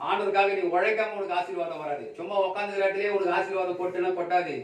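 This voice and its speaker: A male pastor giving a Sunday sermon with emphatic, repetitive exhortation, swinging between loud raised calls and quiet low passages. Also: fairly even intonation, fast talker. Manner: emphatic preaching with repeated phrases. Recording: echoey room, from far off, faint background noise.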